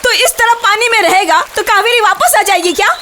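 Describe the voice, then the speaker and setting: A woman's voice: very high voice, a little fast, slight background noise. A woman voicing an anxious young woman who pleads urgently in a dubbed film. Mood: scolding. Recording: film track with loud music and crowd.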